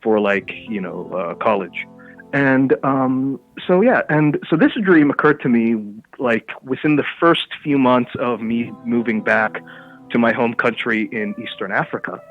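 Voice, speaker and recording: A man's voice: mid-range voice, unhurried, narrow, tinny audio, soft background music. A young man from Canada and Somalia, calling in and telling a rambling story in casual chat over the phone. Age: young adult. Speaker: caller.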